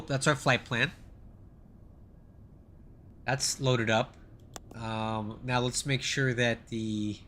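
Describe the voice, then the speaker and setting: A middle-aged man streams flight sims, chatting casually and thanking viewers as he goes, his voice congested and nasal while he recovers from the flu. It sits in the mid range with a fairly bright tone, and a little hiss or hum runs under it.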